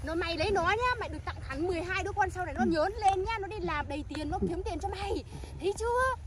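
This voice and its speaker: A woman in a comedy team, pleading rapidly and repeating herself to calm someone down. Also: extremely high pitch, a loud crowd. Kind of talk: excited group banter.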